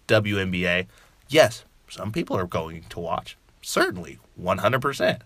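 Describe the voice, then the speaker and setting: A man co-hosting a sports podcast in casual chat, animated and rambling, often breaking off mid-sentence to joke. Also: lowish voice, no room sound. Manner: animated, rambling, self-interrupting, jokey. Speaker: podcast co-host.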